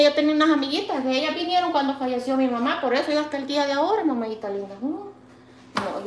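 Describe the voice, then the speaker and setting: High-voiced Salvadoran woman vlogging. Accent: Salvadoran Spanish. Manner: affectionate, calls viewers sweet pet names; consoling, folksy and talkative. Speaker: vlogger reading viewer comments. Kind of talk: casual live-stream chat. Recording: echoey room with faint background noise.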